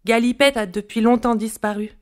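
A woman tells a tale aloud with a rhythmic, playful delivery and shifting tempo. Her voice sits fairly high. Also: fairly even intonation, fairly quick, darkish tone. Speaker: storyteller. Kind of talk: spoken storytelling.

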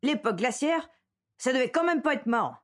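A woman's voice: sits high, expressive, fairly quick, voice pushed up. A woman voicing a crude, boastful male hunter who drives a truck, in a coarse bragging manner.

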